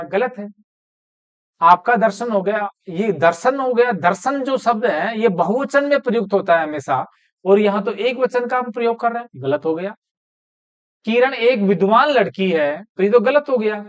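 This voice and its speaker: A man teaching a Hindi grammar lesson, explaining step by step and repeating words slowly. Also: high-pitched.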